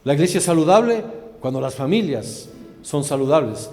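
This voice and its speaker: A man preaching to a congregation in a loud, slightly harsh voice, emphatic and full of rhetorical questions. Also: fairly high pitch, expressive, moderate pace, soft background music. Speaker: church speaker, preacher. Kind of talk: preaching testimony. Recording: reverberant church hall.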